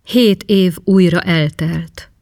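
A man voicing a weary, cursed sailor who speaks in a slow, brooding murmur in a storybook reading. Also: high voice, gravelly, a little mellow, dry recording, clean studio sound. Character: gaunt, weary, cursed male sea wanderer.

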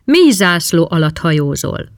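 Man doing a blustering old sea captain, loud and hearty, dry close recording, storybook. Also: a little high, big pitch swings, no room sound. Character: bluff, hot-tempered old sea captain.

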